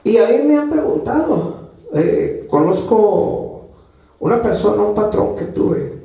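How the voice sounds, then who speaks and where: A man's voice: high voice, sing-song, slow, creaky, dark tone, lo-fi sound. A man preaching a sermon as pastor, emphatic and driving his points home by repeating phrases. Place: church. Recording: echoey church room, mic far off.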